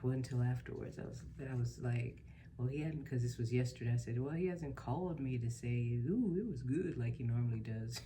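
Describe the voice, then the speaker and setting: A woman's voice: rumbling low, a little fast, background noise. A middle-aged woman telling a story in a casual, chatty vlog style, acting out what people said. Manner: chatty, animated when quoting people. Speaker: mukbang vlogger.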